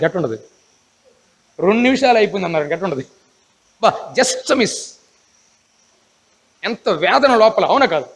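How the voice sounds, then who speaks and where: A man's voice: high-pitched, long reverb tail. A man preaching a Bible class sermon, emphatic, often asking the congregation rhetorical questions.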